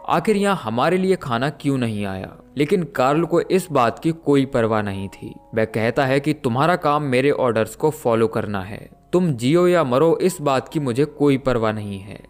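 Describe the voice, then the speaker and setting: A man narrating a film recap as a steady, scripted story. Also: medium pitch.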